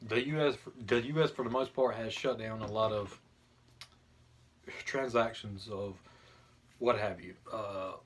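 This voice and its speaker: A man's voice: lowish voice, steady tone, unhurried, pauses often, a little hiss or hum. A man chatting casually and giving his opinions bluntly, with some mild swearing, as a video host. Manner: blunt, mildly profane.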